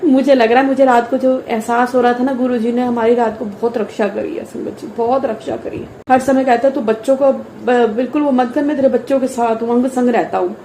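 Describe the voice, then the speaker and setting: A woman's voice: on the high side, steady tone, fairly quick, hardly any pauses, mellow, roomy sound, a little hiss or hum, poor audio. A middle-aged woman telling an earnest, emotional devotional testimony and often addressing the congregation directly.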